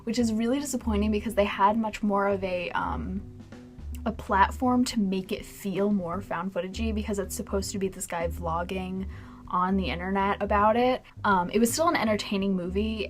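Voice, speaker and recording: A young woman chats informally to her viewers in a casual review, getting drunker as she goes. Her voice sits at a medium pitch and she rambles loosely, with music playing behind her. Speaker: video blogger reviewing films. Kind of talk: casual chatty movie review to camera.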